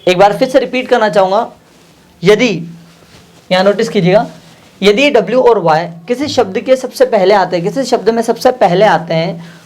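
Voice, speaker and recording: A man's voice: high voice, moderate pace, a little mellow. A man teaching a language lesson, patiently repeating each phrase and word and asking his listeners questions he then answers himself. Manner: addresses listeners directly, asks and answers his own questions.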